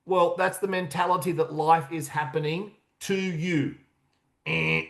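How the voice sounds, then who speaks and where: A man's voice: fairly high pitch, steady tone, normal speed. A man giving a motivational coaching talk on self-acceptance, earnest and emphatic, repeating key questions for effect. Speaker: confidence coach.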